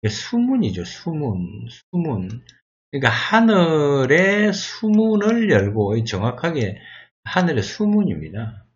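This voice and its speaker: Male tutor, deliberate unhurried delivery with an animated pitch, Bible exam review, dull lo-fi recording. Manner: reads verses aloud, then sounds out English words slowly.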